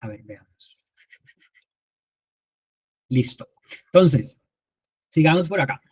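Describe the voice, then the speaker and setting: A man's voice: on the high side, lively intonation, slow pace, a little mellow, husky, no room sound. A man teaching a live online class on emotions, talking conversationally and often checking in with his students. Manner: conversational teaching, frequent check-ins with "¿listo?".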